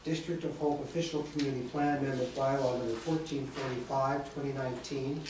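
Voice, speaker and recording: A man with a mid-range voice chairs a town council meeting, briskly reading motions and calling votes. He's far from the mic in a hard, very echoey chamber, with steady room hiss in the background.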